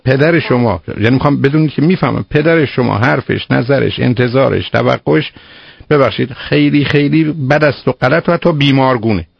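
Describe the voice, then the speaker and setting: A man hosts a call-in advice show on the radio. He counsels a caller emphatically and keeps calling her "dear". His voice is at a middle pitch, recorded dry, with dull, muffled radio sound. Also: vocal fry, husky, no echo.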